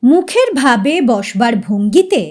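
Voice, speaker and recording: A woman narrating an audio story with a high voice that rises and falls dramatically. She reads slowly and expressively, leaning into each line. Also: sing-song, darkish tone.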